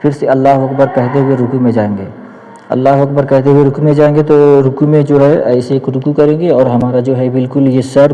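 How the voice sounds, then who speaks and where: A man's voice: mid-range voice, warm tone, big-room sound, poor audio. A man, teaching the steps of prayer patiently and repeating each point as he demonstrates it. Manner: patient, repetitive step-by-step explaining, demonstrating as he speaks. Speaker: Islamic teacher. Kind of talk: practical religious instruction.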